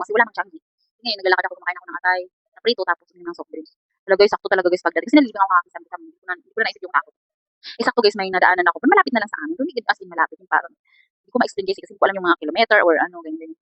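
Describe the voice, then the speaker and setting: A woman vlogger talks very fast and rambles, her pitch swinging up and down as she tells a personal story. She sounds close and dry on a dull, lo-fi recording. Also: expressive, fairly bright tone, no room sound. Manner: rambling, chatty, keeps saying "guys". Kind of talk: casual storytelling vlog.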